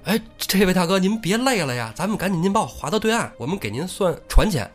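A man voicing an anxious fugitive leader who pleads in a raised, hurried voice. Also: medium pitch, big pitch swings, faint music behind, natural voice. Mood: pleading.

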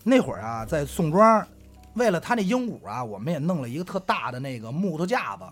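A man's voice: on the high side, a little fast, faint music behind. A man with a Beijing accent telling comic stories casually among friends, slangy and acting out what people said. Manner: animated, slangy, acts out quoted remarks.

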